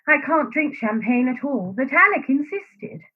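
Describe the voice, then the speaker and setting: In a radio play, an actress portrays an anguished, guilt-ridden woman caught in a secret love affair, earnest and fretful, sounding flustered as she covers up. Her high voice is very animated and a little slow, heard through thin, phone-like audio.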